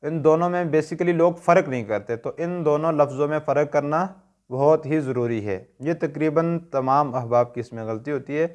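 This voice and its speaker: A man's voice: a little high, normal speed, a little mellow. A man with a Pakistani Urdu accent teaching a tajweed lesson, patiently asking questions and answering them himself. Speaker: Quran recitation teacher.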